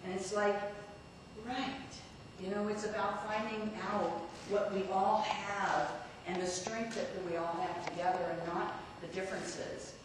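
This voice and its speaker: A woman's voice: medium pitch, fairly even intonation, unhurried. A woman in her fifties giving an earnest, rambling public speech with many fillers and restarts, introducing a guest. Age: 50s. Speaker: community speaker introducing a guest. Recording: echoey hall, far from the mic, noisy.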